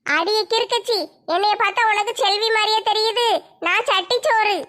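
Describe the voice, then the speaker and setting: A woman's voice: extremely high pitch, steady tone, bright, forceful tone. A woman doing a pompous, possessed fake king. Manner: slow, pompous, demanding. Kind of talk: comedy skit voice acting.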